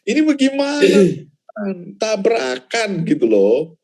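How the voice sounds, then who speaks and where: A male pastor tells a personal story in an easygoing, conversational way, his voice sitting a little high. His pitch swings widely as he talks, rising and dropping with each turn. He often doubles or triples words to press a point home. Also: slow. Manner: animated storytelling, mixes laughter into the telling; repeats words for emphasis. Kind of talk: casual testimony in a church talk.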